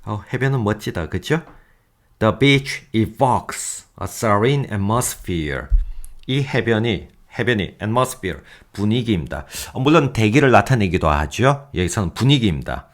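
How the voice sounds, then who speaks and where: A man teaching English vocabulary in a recorded lecture, reading example sentences slowly and adding joking asides about himself. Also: lowish voice. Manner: lively, self-mocking asides with chuckles.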